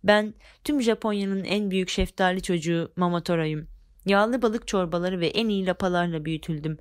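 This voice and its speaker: A woman's voice: on the low side, brisk, no echo, studio quality, natural voice. A woman voicing a brave, proud boy hero who declares himself boldly, in a storybook reading.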